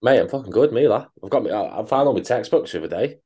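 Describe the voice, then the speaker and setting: A man co-hosts a casual podcast, rattling along at a quick clip. His voice sits low, and he rambles through sweary, joking banter. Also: expressive, dark tone, husky. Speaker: podcast co-host.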